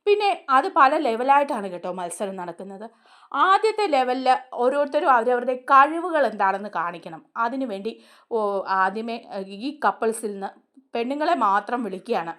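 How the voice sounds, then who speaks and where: A woman with a somewhat high-pitched voice is casually recapping a TV drama for her audience. She talks in a chatty way and keeps turning to speak directly to the listener. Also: lively intonation, normal speed, fairly bright tone. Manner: chatty, retells scenes and often adds a friendly tag addressed to the listener. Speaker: serial review host. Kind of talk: casual storytelling recap of a TV serial.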